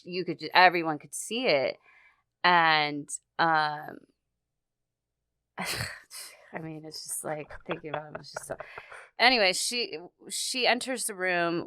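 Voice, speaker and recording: A young woman, a podcast guest, telling a story in a halting, earnest way full of restarts. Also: low-pitched, bright, forceful tone, clear, resonant tone, no echo. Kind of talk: casual storytelling.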